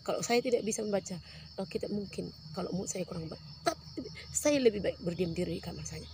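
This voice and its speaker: A woman's voice: mid-range voice, animated, quick pace, darkish tone, slight background noise. A woman giving an earnest testimony in a sermon, often turning to address the congregation.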